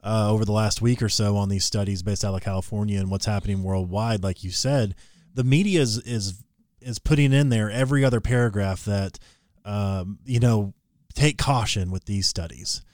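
Sarcastic low-voiced podcast man. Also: normal speed, no room sound, studio quality. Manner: sarcastic, animated storytelling. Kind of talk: casual conversational discussion.

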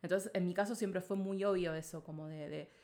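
A woman from Argentina with a fairly low voice speaks with a clear Argentine accent. She muses through her answers in a casual interview and strings her thoughts together with lots of filler phrases. An occasional laugh slips into her talk. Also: fairly even intonation, a little fast, darkish tone. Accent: Argentine Spanish. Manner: rambling, thinks aloud with many filler phrases. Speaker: interview guest. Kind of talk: casual reflective conversation.

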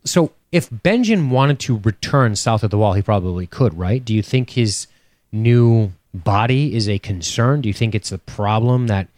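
A man co-hosting a casual podcast chat, animated and joking, swearing freely. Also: fairly low pitch, normal speed, dry recording. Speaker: podcast co-host. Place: home studio.

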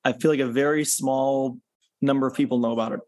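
A relaxed man chats as a podcast guest, explaining things at an easy pace. He fills his talk with "um" and "you know" and restarts his sentences. The recording is dry and close, with little room sound. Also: mid-range voice, quick pace, no room sound. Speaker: podcast guest, concert organizer. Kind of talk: casual interview chat.

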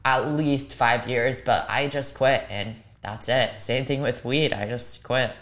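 A woman's voice: a bass voice, unhurried. A woman co-hosting a podcast, talking frankly and earnestly with plenty of swearing. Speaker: podcast co-host. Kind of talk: casual chat.

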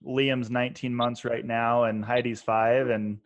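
A man's voice: medium pitch, little pitch movement, measured pace, highs cut off. Male host in his thirties, friendly and affirming, mid-range voice. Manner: friendly, affirming, stacks up questions. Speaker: podcast host, investor. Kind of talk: conversational interview.

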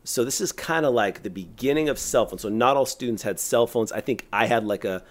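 A middle-aged man, a youth pastor, telling a long story on a podcast in a rambling, animated way full of "like". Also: mid-range voice, fairly quick. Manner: animated, rambling, heavy use of "like".

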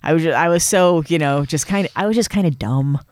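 A man from Michigan, a host and actor with a Midwestern American accent, chats eagerly in a casual interview. His voice sits on the high side at a quick pace, recorded dry and clean in a studio.

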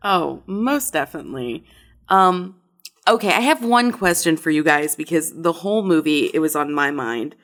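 Low gravelly woman, hesitant podcast chat. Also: animated, moderate pace, fairly bright tone. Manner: hesitant, lots of ums and uhs. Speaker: podcast co-host.

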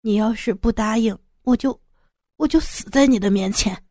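A woman's voice: fairly high pitch, normal speed, darkish tone, dry recording, studio quality, natural voice. A woman voicing a desperate middle-aged man who sighs heavily and stammers through his pleas, in an audiobook story. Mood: pleading. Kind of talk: audiobook character voice.

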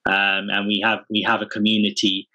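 A man's voice: on the low side, monotone, brisk, pushed and bright, lo-fi sound. A man speaking earnestly and informally as a guest in a casual podcast interview. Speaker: podcast guest, parenting community founder.

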